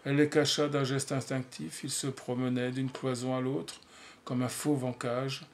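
A man reading a novel aloud at a measured pace, with occasional slips and fillers. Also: medium pitch, flat delivery, a little hiss or hum. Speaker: reader.

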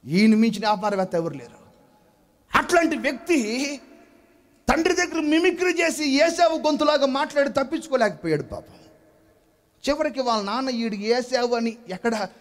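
High-voiced pastor preaching. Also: male voice. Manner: animated storytelling, acting out voices and asking the congregation questions. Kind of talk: sermon.

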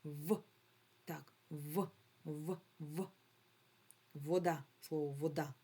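A woman's voice: low-pitched, fairly even intonation, mellow, slightly rough. A woman teaching a remote lesson to young children, drawing out sounds and syllables patiently, with a Ukrainian accent. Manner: slow, drawn-out syllables, patient, coaxing. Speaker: primary school teacher.

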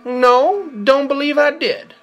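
A high, drawling cowboy robot. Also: male voice, takes it slowly, a bit bright, lo-fi sound, faint music behind, heavily acted. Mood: folksy drawl. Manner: drawling country talk. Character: folksy cowboy robot, male, slow and evasive.

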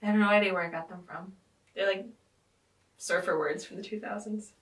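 Woman podcast host with a bright, forceful voice and a rambling, filler-heavy way of talking, recorded roomy and off-mic. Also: medium pitch, fairly even intonation, brisk, recorded from a distance. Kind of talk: casual podcast chat.

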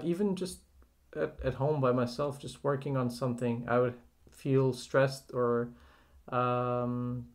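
Flat-voiced, measured guest from Portugal. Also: male voice, medium pitch. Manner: measured, reflective, frequent "uh". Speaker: nutrition coach, podcast guest. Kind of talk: casual conversational podcast.

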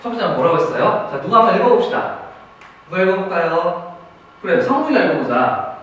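A man's voice: sits high, sing-song, fast, a bit bright. A man teaching a class, asking students questions and praising their answers. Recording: very echoey room, distant mic, faint noise.

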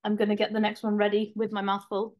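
A woman's voice: mid-range voice, monotone, quick pace, a little mellow. Chatty woman demonstrating a craft. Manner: chatty, informal, with fillers and restarts. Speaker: craft presenter. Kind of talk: live webinar demonstration.

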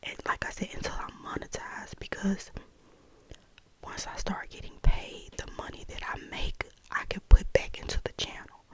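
American woman whispering softly right in your ear. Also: rough recording. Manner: unhurried, chatty, close-up talking. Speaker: vlogger. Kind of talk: ASMR whispered vlog, casual chat. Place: bedroom, indoors. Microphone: small desktop condenser mic held close.

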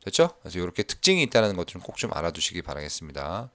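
Guy teaching english class, chatty, says "okay" a lot, reads the examples slow and punchy, voice goes all over, dry sound. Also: deep voice, big pitch swings, bright, forceful tone, no room sound. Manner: reads English example lines slowly and emphatically, then explains in a chatty way; frequent fillers like 자 and 오케이. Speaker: English teacher at a cram school. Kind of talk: classroom lecture explaining a textbook dialogue.

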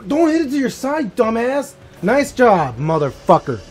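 High, lively cursing gamer guy. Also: normal speed, faint music behind. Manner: profane, exasperated outbursts at teammates; short shouted reactions. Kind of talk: live gaming commentary.

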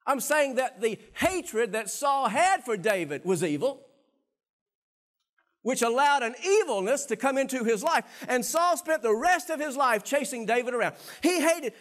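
A middle-aged pastor with a very high voice preaches a sermon from a church stage, wearing a lapel mic. He is animated, swinging between quiet and loud passages.

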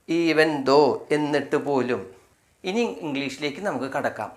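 A man with a Malayali accent teaching English spelling, slowly spelling each word letter by letter and repeating its meaning. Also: a little high. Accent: Malayali, from Kerala. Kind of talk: spelling and pronunciation lesson.

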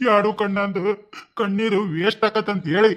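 A man's voice: high-pitched, little pitch movement, fairly bright tone. A man doing a mopey young village lad. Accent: North Karnataka Kannada. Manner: melodramatic complaining, quick outbursts. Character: gloomy young village man, self-pitying. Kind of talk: cartoon comedy voice acting.

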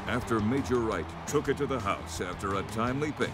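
A man reading scripted narration for a sports season highlight film. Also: a little fast. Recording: loud music under the narration. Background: loud music.

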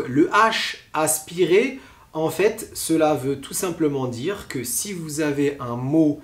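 Slow, patient French teacher, echoey room. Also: male voice, on the high side. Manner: slow, patient explaining with many hesitations. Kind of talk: online pronunciation lesson.

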